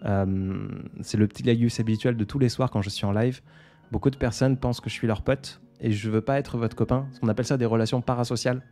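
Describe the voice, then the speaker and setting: A young man hosting a casual livestream, speaking softly, laughing often and reading out viewers' comments. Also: medium pitch, fairly even intonation, fairly quick, soft background music. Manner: soft-spoken, laughs often, reads out comments. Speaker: livestream host.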